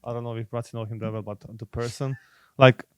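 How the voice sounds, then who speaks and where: A young man from Croatia with a Croatian accent, a guest footballer speaking English in halting, repetitive phrases in a casual podcast chat. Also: mid-range voice, steady tone, clean tone, dry recording. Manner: halting, repeats words while searching for English.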